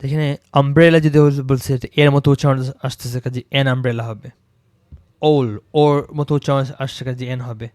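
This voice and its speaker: A man teaching an English grammar lesson, repeating example words slowly to show how they sound and mixing English terms into his talk. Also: mid-range voice, steady tone, darkish tone, no echo, clean studio sound. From Bangladesh.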